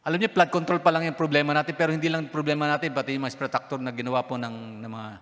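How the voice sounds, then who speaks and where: A man's voice: fairly high pitch, steady tone, racing, fairly bright tone. A middle-aged man from the Philippines, a pastor, preaching a sermon and telling a personal testimony, with emotional storytelling and heartfelt prayer. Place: church sanctuary. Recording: reverberant church sanctuary.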